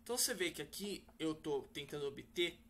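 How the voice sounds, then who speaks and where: A man talks through a coding lesson step by step, stopping often to correct himself with fillers. His voice sits a little high. The mic is somewhat far from him, with a faint hiss behind. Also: animated, brisk, fairly bright tone. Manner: explains step by step with many fillers and self-corrections. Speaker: programming teacher. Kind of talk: screen-recorded coding lesson.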